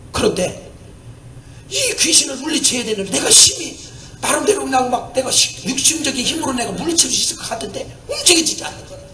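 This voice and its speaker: A man preaching a sermon as a missionary, telling stories in an animated way, laughing and shouting at times. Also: sits high, reverberant, slight background noise. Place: church sanctuary.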